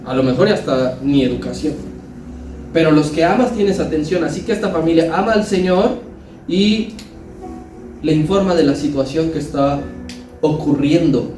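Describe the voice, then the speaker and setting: High-voiced preacher in an echoey hall. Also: male voice, moderate pace, long pauses, darkish tone, far from the mic, soft background music. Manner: preaching with rising emphasis and acted-out quotes. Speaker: pastor. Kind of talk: sermon.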